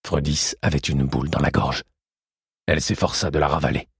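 Deep, husky male audiobook narrator. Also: no room sound, studio quality. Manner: steady measured storytelling. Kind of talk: scripted narration.

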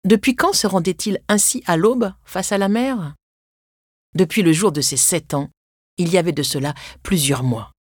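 A woman narrating a children's storybook in an expressive, scripted way, lifting her voice on dramatic words. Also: lowish voice, moderate pace, breathy edge, no room sound, clean studio sound.

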